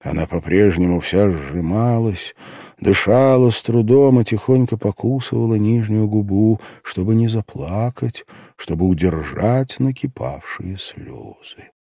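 Low, mellow male audiobook narrator. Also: a little slow, dry recording, clean studio sound. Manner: expressive, emotional first-person reading. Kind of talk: literary audiobook reading.

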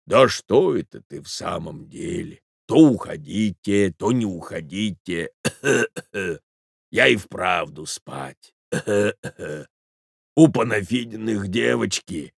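A man voicing a frail, fussy old husband who mumbles slowly and coughs. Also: sits low, animated, creaky, husky, no room sound, clean studio sound, pitched below the performer's own voice, full character voice. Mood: drowsy.

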